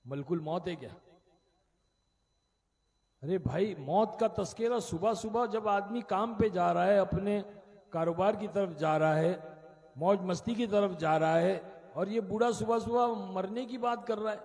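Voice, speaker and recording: A man's voice: sits high, darkish tone. A male Islamic preacher from India giving a sermon at a religious gathering, acting out the dialogue of his stories and reciting couplets. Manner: dramatic storyteller, acts out dialogue, recites couplets. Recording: long reverb of a large venue.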